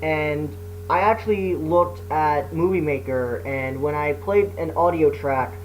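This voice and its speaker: A man's voice: on the high side, a little slow. A man speaking casually and apologetically to viewers as a video creator, hesitant, sweary and self-deprecating. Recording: noisy hum, poor microphone.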